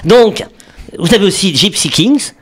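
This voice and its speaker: A man's voice: high voice, expressive, unhurried, noisy background. A man giving a playful radio segment, joking and laughing often as he explains. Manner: jokey, laughs often, explains with mock accents. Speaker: radio columnist.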